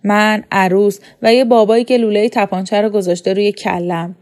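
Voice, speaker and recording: A woman voicing a joking teenage boy in a storybook reading, with a teasing, deadpan delivery. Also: mid-range voice, natural voice. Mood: playful teasing.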